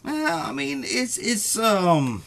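A middle-aged man from the Midwest chatting on a podcast, his voice bright and forceful. He stammers and restarts often, trips over his own sentences, and laughs readily. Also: very high voice, very animated, slow, vocal fry. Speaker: podcast co-host. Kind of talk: casual chat.

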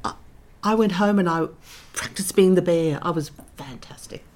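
A woman from the Netherlands, middle-aged and speaking as an interview guest, tells stories with reflective, dry humour in an open conversation. Her voice is lowish with a darkish tone, at normal speed.

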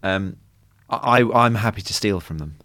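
Halting man, low voice. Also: fairly bright tone. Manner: halting, repeats words, dry humour. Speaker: podcast co-host. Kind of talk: casual chat.

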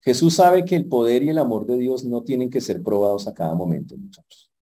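A man preacher, giving a direct, humorous sermon with sharp swings in loudness. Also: medium pitch, lively intonation, brisk, poor audio.

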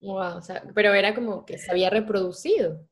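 A woman's voice: mid-range voice, fairly quick. A woman interviewer asking brief, attentive follow-up questions in a conversational interview.

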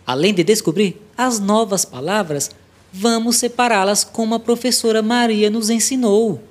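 A woman's voice: medium pitch, normal speed, close to an everyday voice. A woman voicing a friendly, patient cat who teaches children and meows between lines, in a children's educational audio drama. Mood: kind. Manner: patient, encouraging.

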